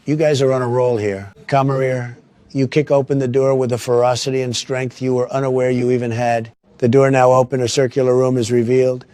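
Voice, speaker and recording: A man narrating as dungeon master in a tabletop game, with steady, even delivery. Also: medium pitch, brisk.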